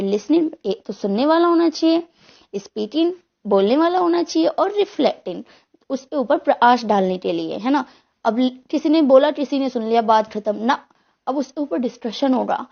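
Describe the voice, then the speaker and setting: A woman's voice: high voice, creaky, dull audio. A woman teacher giving an online exam-prep lecture, explaining step by step and answering her own questions.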